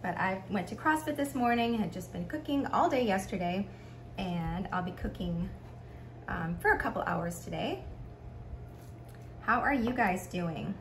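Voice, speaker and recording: A woman's voice: medium pitch, expressive, a little slow. A middle-aged woman hosting a casual cooking vlog, chatting and explaining as she cooks at home, recorded on a camera mic a few feet away in her kitchen. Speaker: cooking channel host. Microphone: camera mic, framed from a few feet away. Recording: echoey kitchen, faint room hum.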